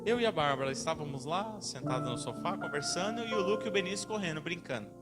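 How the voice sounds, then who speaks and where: A man's voice: fairly high pitch, expressive, quick pace, over loud music. A man, a pastor in his thirties, preaching a sermon, telling family stories and asking the congregation to answer back. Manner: storytelling with acted-out family voices.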